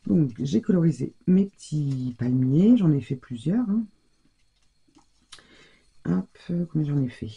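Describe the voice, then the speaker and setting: A woman talks her viewers through her scrapbooking in loose, casual commentary. Her voice is gravelly and husky with a dark, mellow tone. She thinks aloud as she works. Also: sits low. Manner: chatty, thinking aloud while working. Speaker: scrapbooking crafter.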